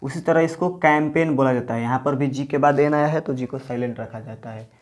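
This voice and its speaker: Patient male teacher spelling letters out. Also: medium pitch. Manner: patient, repetitive explaining, spells letters out slowly. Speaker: English teacher. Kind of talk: explaining rules for Hindi-speaking learners.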